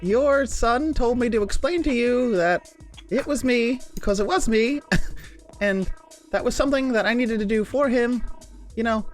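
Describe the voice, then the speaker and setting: A man voicing an eager, apologetic young male adventurer in a tabletop game, rambling in halting bursts. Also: extremely high pitch, faint music behind, voice pushed up. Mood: flustered, apologetic. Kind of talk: tabletop role-play.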